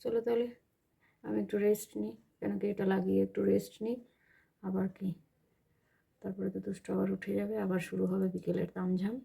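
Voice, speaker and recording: Chatty woman with a gravelly, husky voice. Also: mid-range voice, flat delivery, fairly quick, long pauses, warm tone. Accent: Bengali. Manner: chatty, explains as she shows things around the home. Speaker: vlogger. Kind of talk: casual home vlog chat. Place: home.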